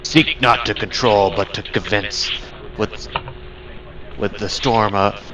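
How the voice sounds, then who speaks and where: A man voicing a storm giant spirit in a tabletop game, giving slow, solemn, cryptic warnings. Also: lowish voice, fairly even intonation, background noise. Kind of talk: tabletop game role-play. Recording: distant microphone.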